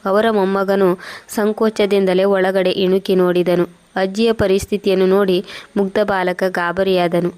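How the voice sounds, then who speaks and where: Flat-voiced woman reading a story. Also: medium pitch, normal speed. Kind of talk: scripted story narration.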